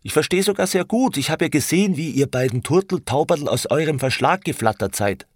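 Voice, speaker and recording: A man's voice: lowish voice, lively intonation, moderate pace, vocal fry, slightly rough, dry recording, clean studio sound, pitched above the performer's own voice, full character voice. A man doing a touchy, indignant young farm boy. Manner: indignant, raised voice.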